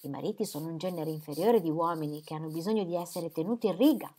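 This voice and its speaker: A woman voicing a sharp-witted, affectionate young woman who teases and speaks warmly, in an audiobook reading. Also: deep voice, fast. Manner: teasing, affectionate.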